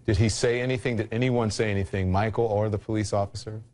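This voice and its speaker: A man with a fairly low voice interviews a witness. He puts his questions haltingly, often restarting and rewording them as he goes. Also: steady tone, a little mellow, a little hiss or hum.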